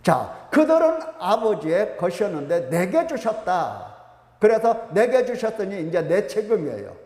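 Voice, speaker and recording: A male pastor delivers a sermon with a high, lively voice that swings between emphatic peaks and quiet asides. He is recorded in a church sanctuary, and his voice rings through a roomy space with a long reverb tail. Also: unhurried. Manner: animated preaching, rising to emphatic peaks and dropping to asides.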